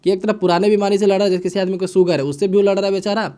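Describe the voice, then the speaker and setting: High, mellow-voiced man explaining the news. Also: steady tone. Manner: casual, repetitive, frequent "है ना" and "ठीक है" checks; mixes English phrases into Hindi, reads headlines haltingly. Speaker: current affairs teacher. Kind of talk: explaining news analysis to students.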